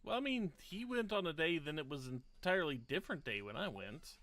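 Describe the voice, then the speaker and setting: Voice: medium pitch, animated, fast, fairly bright tone. A game partner casually chatting on a stream, laid-back with short, dry replies.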